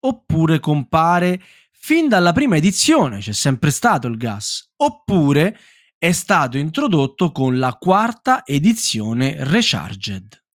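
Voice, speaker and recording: A man's voice: fairly high pitch, big pitch swings, takes it slowly, no room sound, studio quality. A middle-aged man with an Italian accent hosting a casual board game quiz in a teasing, theatrical way. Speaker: quiz show host.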